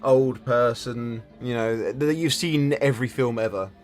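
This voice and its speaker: A man narrating a tabletop game as game master, improvising descriptions haltingly and repeating words as he goes. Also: mid-range voice, soft background music.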